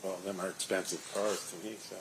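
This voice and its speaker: A man giving testimony as an investigator witness under cross examination, in a measured and guarded manner. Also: deep voice, flat delivery, noisy background.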